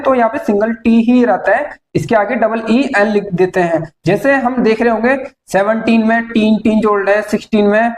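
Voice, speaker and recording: A woman teaching spoken English, counting numbers slowly and explaining patiently. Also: a little high, a little mellow, reverberant, poor audio. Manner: slow, drawn-out counting of numbers; explaining patiently to her viewers. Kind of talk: classroom lesson.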